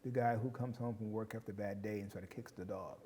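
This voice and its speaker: Man, mellow and measured, explanatory panel voice, slight hall echo with faint hiss. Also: fairly low pitch, steady tone. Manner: measured, explanatory, frequent "uh" pauses. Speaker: discussion panelist. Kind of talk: reflective group discussion.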